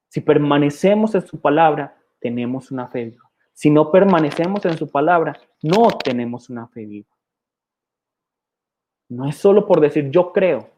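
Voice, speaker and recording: A pastor with a Colombian accent preaching a sermon, repeating key phrases and posing rhetorical questions. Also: male voice, a little high, mellow, muffled recording. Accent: Colombian Spanish. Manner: emphatic repetition and rhetorical questions.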